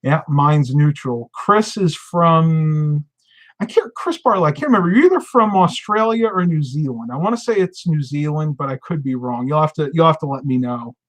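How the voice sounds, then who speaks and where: A man's voice: fairly high pitch, lively intonation, normal speed, poor audio. A man hosting a casual live stream from home, chatting with family, with a neutral accent and an easy laugh. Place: home bedroom.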